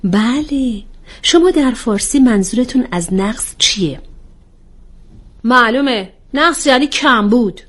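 A woman voicing a calm young woman who patiently explains things in a storybook reading. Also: a little high. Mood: explaining.

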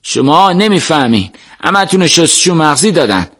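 A man doing a young male prisoner under interrogation, defiant and agitated. The voice jumps well above the reader's own pitch, pushed and heated, insisting on every line in a storybook reading. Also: big pitch swings, a bit bright, heavily acted.

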